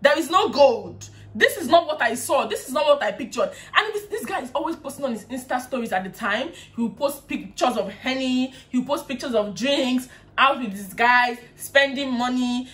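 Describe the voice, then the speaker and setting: A young woman with a Nigerian English accent telling a storytime vlog casually, animated and often laughing while mimicking others. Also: high voice, normal speed. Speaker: vlogger.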